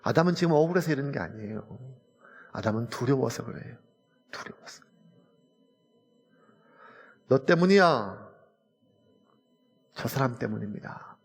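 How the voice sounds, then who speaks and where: A gravelly, husky-voiced man preaches from the pulpit. He speaks earnestly and conversationally and weaves in personal stories. His voice carries a long reverb from the church sanctuary. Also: medium pitch, expressive, quick pace, a little mellow. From South Korea. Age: late 40s. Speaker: pastor. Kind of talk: sermon.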